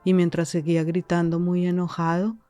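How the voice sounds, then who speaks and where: A woman reading scripted podcast narration in a measured, calm way. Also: fairly low pitch, soft background music.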